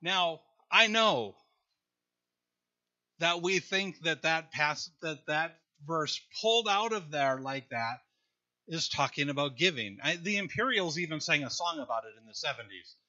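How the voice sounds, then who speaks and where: A man preaching in an easy, conversational way, reading verses and teasing the congregation. His voice is bright and a touch high. The recording is dull and lo-fi. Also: lively intonation, a little slow. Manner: conversational preaching, reads scripture aloud, jokes with the congregation. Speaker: pastor. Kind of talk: sermon.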